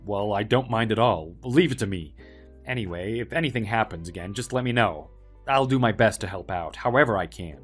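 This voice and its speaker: Man playing an earnest, measured young office worker. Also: lowish voice, slightly rough, faint music behind. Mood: kind, supportive. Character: polite, helpful young male office worker, calmly defiant. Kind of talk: dramatized story voice acting.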